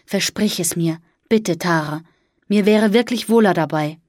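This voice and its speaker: An earnest, devoted young man, as a woman reader voices him in an audiobook, speaking softly but with a slightly raised, sincere tone. The recording is close and dry, with no room sound. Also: fairly low pitch, measured pace, dry recording, lightly acted. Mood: pleading. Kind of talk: audiobook dialogue.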